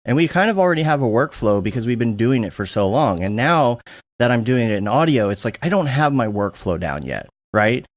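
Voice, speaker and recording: A male podcast host chatting casually and rambling a little, filling pauses with "like" and "you know." His voice sits close and dry, with almost no room sound. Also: medium pitch, big pitch swings, no echo. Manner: rambling, chatty, with many fillers.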